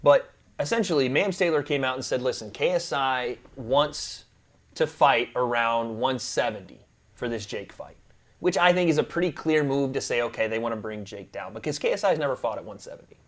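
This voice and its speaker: A man co-hosting a casual sports debate podcast, animated and joking as he trades banter with his partner. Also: medium pitch. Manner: animated, joking, fast back-and-forth banter. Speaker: podcast co-host. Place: temporary room away from home.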